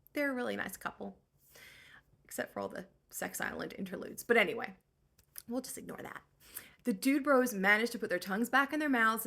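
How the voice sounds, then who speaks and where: A woman's voice: a little high, fairly bright tone. A young woman hosting a comedic book recap, talking in sarcastic slang. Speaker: host.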